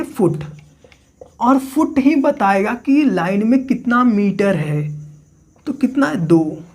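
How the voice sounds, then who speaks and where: A man's voice: sits high, a little mellow. Man teaching, quizzing and repeating terms. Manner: asks the class questions, then answers them himself; repeats key terms slowly for dictation. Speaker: literature teacher. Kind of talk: classroom-style lecture.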